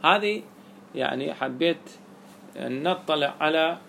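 A man's voice: on the high side, unhurried, vocal fry, a bit bright, a little hiss or hum. A man teaching a classroom lesson on Quranic readings, explaining step by step and quizzing his students with questions.

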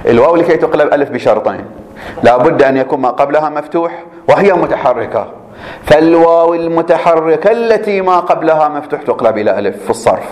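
A male teacher walks his students through a grammar rule, asking again and again whether they follow. His voice sits a bit high. The classroom around him gives a roomy echo. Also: lively intonation, fast talker, a little mellow. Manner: explanatory, repeats points and checks understanding.

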